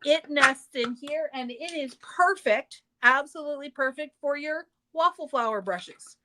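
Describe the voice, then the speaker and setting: A woman's voice: high-pitched, unhurried, sharp tone. A woman hosting a craft store's live show, chatting casually and upbeat about products and store news. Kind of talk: casual livestream product chat.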